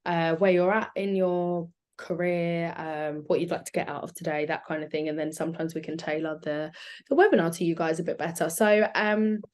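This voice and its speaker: A woman's voice: on the low side, fairly even intonation, moderate pace, a little mellow. A woman with a South London accent hosting a live online session in an informal, chatty way. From South London, England. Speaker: webinar host.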